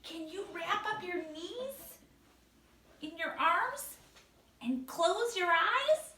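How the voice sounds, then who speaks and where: A woman plays kids show host with a very high, bright voice. She exclaims and gasps in a sing-song way as she addresses young children at an unhurried pace. It sounds echoey, as if recorded in a room at some distance. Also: very animated.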